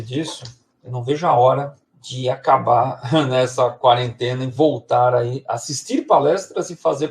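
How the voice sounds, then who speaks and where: A man's voice: fairly high pitch, creaky, a little mellow. A man, giving a chatty, personal introductory lesson on tarot. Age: 40s. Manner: chatty, personal, digressive storytelling. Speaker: tarot and astrology teacher. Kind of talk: introductory lesson, live stream talk.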